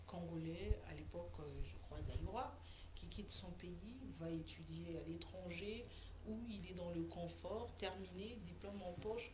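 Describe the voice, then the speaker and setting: A woman interviewing a guest, asking probing, measured questions. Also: on the low side. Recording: echoey room with noise.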